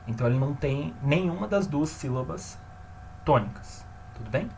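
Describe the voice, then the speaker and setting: A man teaching a grammar lesson, often checking in with his listeners and slowing down to stress key terms. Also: a little high, expressive, darkish tone, slight background noise.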